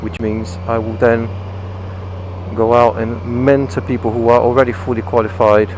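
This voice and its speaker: British guy chatting inside his bike helmet while riding, explaining stuff, normal male pitch, road noise behind him. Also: little pitch movement, normal speed, a little mellow, low-quality recording. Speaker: motorcycle vlogger. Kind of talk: casual explanatory vlog talk while riding. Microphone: microphone inside the helmet. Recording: clear engine, wind and traffic noise.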